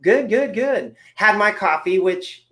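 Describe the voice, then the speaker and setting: A man's voice: sits high, lively intonation, takes it slowly, fairly bright tone. A man hosting an interview show, talking in an upbeat, rambling way with lots of fillers. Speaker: podcast host. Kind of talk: casual interview chat.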